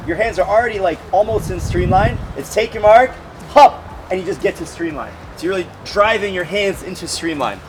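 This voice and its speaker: A man's voice: high-pitched, noisy background. A man in his thirties coaching a group through a demonstration outdoors at a swimming pool, projecting his instructions. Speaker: swim coach and presenter. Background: background music.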